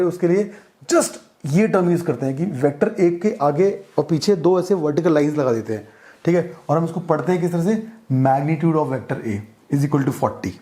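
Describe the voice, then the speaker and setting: A male physics teacher with an Indian accent, lecturing in a fairly high voice. He walks through each point step by step and keeps checking that his listeners are with him. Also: dark tone. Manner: explains step by step, mixing English terms into Hindi, checks in often. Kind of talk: classroom-style lecture.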